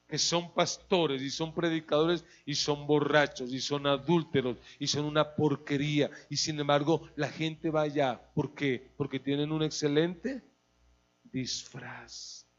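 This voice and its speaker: A middle-aged man, preaching a sermon as a guest preacher to a church congregation, animated and humorous. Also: on the high side, measured pace, muffled recording. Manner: animated, humorous, acts out scenes. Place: church service.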